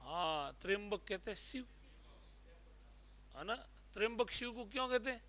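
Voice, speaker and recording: A man's voice: high-pitched, animated, normal speed, bright, forceful tone. A man with a Rajasthani Hindi accent teaching a Hindi exam-prep class, drilling words by repeating them and quizzing his students.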